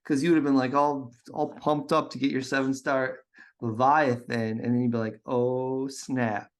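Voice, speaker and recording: A man's voice: medium pitch, fairly even intonation, moderate pace. A man co-hosting a podcast in casual chat, teasing and ribbing his partner with jokes. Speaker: podcast co-host.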